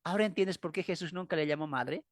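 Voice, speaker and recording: A man's voice: on the high side, fast talker, dry recording, clean studio sound. Emphatic Bolivian man teaching Bible class. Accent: Bolivian Spanish. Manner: emphatic, asks rhetorical questions.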